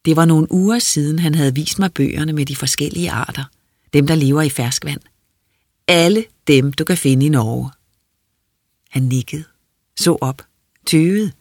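A quiet, measured audiobook narrator reading first-person prose in an introspective tone. The voice is somewhat husky, close and dry, with a middle pitch. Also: no room sound.

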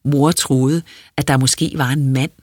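A hesitant grown sister, soft-spoken and gently probing, as an audiobook reader puts her on. Her voice is a little husky and close, with a dry sound and no room around it. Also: mid-range voice, steady tone, dry recording, natural voice. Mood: wry. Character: hesitant adult woman, narrator's sister.

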